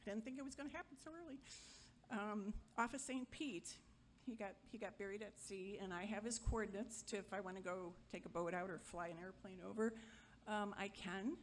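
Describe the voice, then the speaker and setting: A middle-aged woman giving an informal memorial eulogy, chatty and wry, joking with the crowd and sometimes halting. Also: medium pitch, a little hiss or hum. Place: gathering hall at a memorial.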